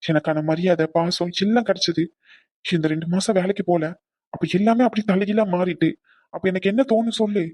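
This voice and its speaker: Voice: medium pitch, steady tone, a little fast, a little mellow, dry recording, clean studio sound, natural voice. A performer voicing a jobless husband in a cartoon, aggrieved and pleading with his wife. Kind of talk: cartoon voice acting.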